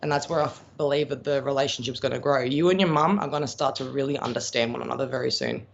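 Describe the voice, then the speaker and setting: An Australian psychic medium talks quickly in a steady, mid-range voice with vocal fry as he answers live-stream viewers bluntly and chattily, addressing them by pet names. The dull, lo-fi stream audio carries a little hiss or hum.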